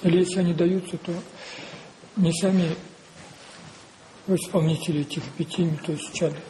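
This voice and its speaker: Slow, mellow-voiced male preacher. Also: sits high, a little hiss or hum, poor audio. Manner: slow, deliberate, repetitive, with rhetorical questions. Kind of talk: sermon.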